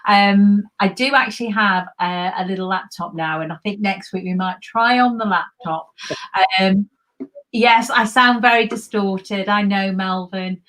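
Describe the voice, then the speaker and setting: A woman's voice: mid-range voice, a bit bright. A woman hosting a live online show, chatting and thanking viewers, her voice coming through fuzzy and distorted. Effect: fuzzy distorted audio. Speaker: host.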